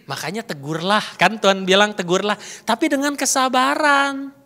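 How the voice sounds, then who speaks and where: A man's voice: high voice, moderate pace, sharp tone. A middle-aged male pastor preaching a sermon, asking the congregation questions and slipping English words into his talk. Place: church hall. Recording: echoey church hall.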